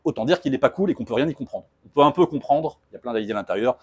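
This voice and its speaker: A man's voice: mid-range voice, expressive, rapid-fire, breathy edge, no echo. A man giving a casual technical conference talk, loose and joking in manner. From France. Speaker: conference speaker. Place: presentation room.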